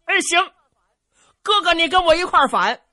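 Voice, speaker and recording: A woman voicing a hot-headed young peasant man who shouts and sobs in an excitable, rash way. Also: very high-pitched, moderate pace, pitched above the performer's own voice, heavily acted. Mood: fired up.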